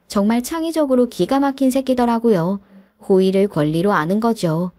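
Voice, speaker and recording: Mellow-voiced woman narrating her story. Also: a little high, normal speed, no room sound. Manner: frustrated, venting, confiding to listeners.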